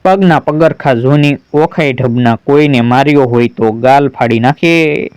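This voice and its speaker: A man narrating a folk story in a slow, deliberate, dramatic manner. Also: medium pitch, darkish tone, smooth, dry recording, poor audio.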